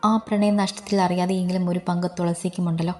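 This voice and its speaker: A woman narrating a romance story in a calm, measured, scripted reading. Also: fairly low pitch, soft background music.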